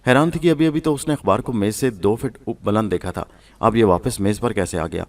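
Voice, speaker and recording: A man's voice: fairly low pitch, distant mic. A man narrating a story from a script and reading every part in his own voice.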